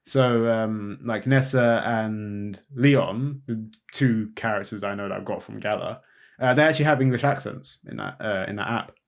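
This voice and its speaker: A man's voice: lowish voice, moderate pace. A young man co-hosting a casual chat, agreeable and a bit hesitant as he explains his thoughts. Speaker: podcast co-host. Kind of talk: casual chat about animation and games.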